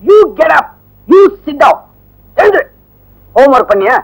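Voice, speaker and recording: An actor playing a pompous male Hindi teacher who scolds and shouts at his class in a comic film scene. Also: very high-pitched, expressive, normal speed, heavily acted, low-quality recording. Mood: scolding. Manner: shouting, mixes English and Hindi, comic bluster. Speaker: schoolteacher. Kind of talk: 1980s film acting.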